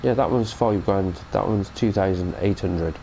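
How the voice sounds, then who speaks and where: A British gaming channel host with a cold rambles chattily through a mod review of a farming game, correcting himself along the way. His voice sits low and is gravelly and warm at a moderate pace. The audio is poor, with slight background noise.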